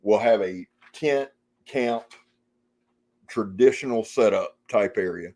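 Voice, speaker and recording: In a fairly low, slow, warm voice, a man from the Jacksonville, Florida area hosts an outdoor channel's live stream. He chats casually, reading viewer comments aloud and greeting people by name in a rambling, folksy way.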